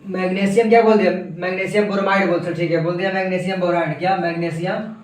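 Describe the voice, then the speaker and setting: A man with a fairly high voice delivers a chemistry lesson, walking through examples one step at a time. He keeps firing rhetorical questions at his students and answering them himself. The mic sits away from him in a roomy, echoing space. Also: level tone, fast talker. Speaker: chemistry teacher. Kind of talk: classroom lecture. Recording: echoey room, voice from a distance.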